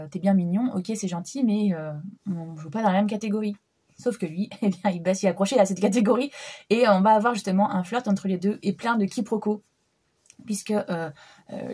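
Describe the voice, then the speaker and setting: Husky-voiced young woman chatting about books. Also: mid-range voice, a little mellow. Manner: chatty, lots of hesitation fillers, addresses viewers directly. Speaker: book reviewer. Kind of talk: casual book review chat.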